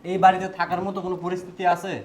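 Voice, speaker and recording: A man's voice: high voice, completely flat delivery, rapid-fire, a little hiss or hum, natural voice. A man playing a studious young man who pleads and protests against his family. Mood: protesting.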